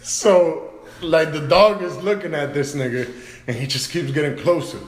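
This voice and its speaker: A man's voice: on the high side, normal speed. A man telling a story in casual chat among friends, laid-back and slangy, switching into Spanish now and then. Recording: echoey room with clear noise.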